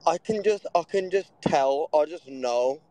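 A man's voice: on the high side, expressive, measured pace, dark tone. A young man with a British accent, a boxer trash-talking his rival in a cocky, dismissive, slangy way. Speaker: boxer at a face-off. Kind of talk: trash talk at a press face-off.

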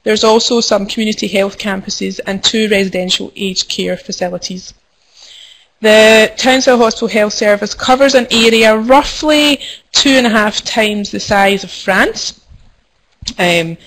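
A young Scottish woman presents to an online conference as a midwife, friendly and a little formal. Her voice sits at a middle pitch, and she often pauses with "um". A faint hiss runs under the web-call audio. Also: fairly bright tone, poor audio. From Scotland. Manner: friendly, frequent ums, careful and formal in parts. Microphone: computer mic over web conferencing.

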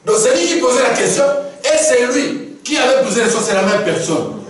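A male preacher delivers an animated sermon, his high voice rising and falling as he acts out exchanges between people. He is heard from a distance in a very echoey hall. A faint hum sits under the recording. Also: a little fast. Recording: echoey room from far off, faint noise.

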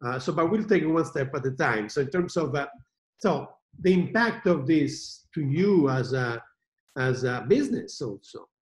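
A man's voice: fairly high pitch, expressive, moderate pace. A man in his fifties hosting an interview over a video call, asking long, rambling questions full of fillers. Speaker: interviewer host. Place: room with green wall and framed prints. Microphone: video call computer mic. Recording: roomy video call audio.

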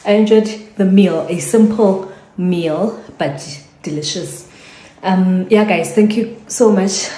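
A woman's voice: mid-range voice, slow pace, dark tone. A South African woman signing off her home vlog in a chatty way, repeating her thanks and trailing into fillers. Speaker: vlogger. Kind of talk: casual vlog sign-off. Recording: echoey room.

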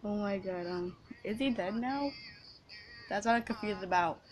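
A woman's voice: mid-range voice, normal speed, background noise. A young woman hosting a reaction video, emotional and tearful, gasping and crying as she watches. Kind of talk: casual reaction commentary.

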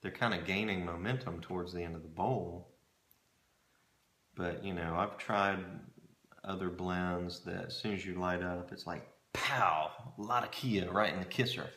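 A middle-aged man chatting casually to camera in a musing, hesitant way, often pausing mid-thought, recorded in a small room at home. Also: low voice, steady tone, fairly bright tone. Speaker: pipe-smoking hobbyist reviewing tobacco blends. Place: small home storage room with shelves, indoors. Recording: roomy echo from camera mic.

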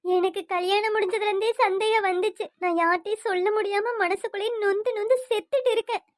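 A woman's voice: very high-pitched, steady tone, brisk, a bit bright, dry recording, clean studio sound. A woman voicing a heartbroken young wife in a cartoon, crying as she speaks about her husband's betrayal. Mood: grieving. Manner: tearful, sorrowful.

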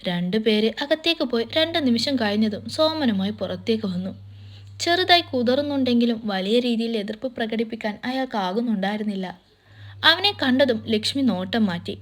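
A woman narrates a romance story as a steady, scripted reading. Her voice sits a little high, and she keeps the characters' lines in the same even narrating tone. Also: normal speed. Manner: reads all characters in one even narrating voice.

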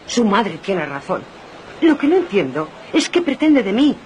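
A soft-hearted, motherly woman, coaxing a stranger to calm down. Her mid-pitched voice swings widely up and down. The TV soundtrack carries a steady background noise. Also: measured pace. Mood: mocking. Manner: soothing, motherly, then tearful. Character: kind-hearted, weepy woman comforting a stranger. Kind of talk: 1990s TV comedy acting.

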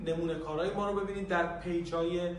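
A man's voice: sits high, steady tone. A man speaking directly to viewers in a friendly promotional outro, inviting them to get in touch. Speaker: course promoter. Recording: very echoey room, far from the mic, faint noise.

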